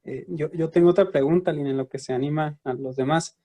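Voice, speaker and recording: A man moderates a question session. His voice is warm and dark, and he puts his questions haltingly, restarting often. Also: on the high side.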